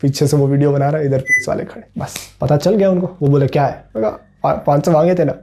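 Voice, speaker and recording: Young man telling a story, mellow voice. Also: fairly high pitch, fast talker. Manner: animated, self-mocking, acts out quoted voices. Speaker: vlogger. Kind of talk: casual storytelling.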